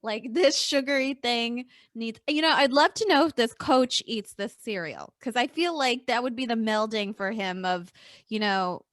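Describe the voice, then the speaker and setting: A woman's voice: fairly high pitch, expressive, normal speed, a bit bright, no room sound, clean studio sound. A woman co-hosting a podcast in casual chat, blunt and crude, laughing a lot. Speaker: podcast co-host.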